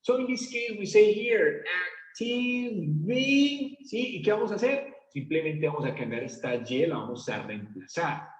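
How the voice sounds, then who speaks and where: A man teaching an English grammar lesson to Spanish speakers, asking the class questions and drawing out example words slowly. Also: on the high side. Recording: echoey room, dull lo-fi sound.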